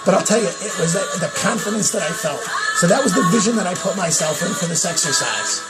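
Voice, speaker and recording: A man's voice: sits high, animated, fast, loud music behind the voice, over a noisy crowd. A man from New York telling a personal story to camera on his vlog, earnest and emphatic. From New York, USA. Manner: earnest, emphatic, repeats "I'll tell you". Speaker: vlog host.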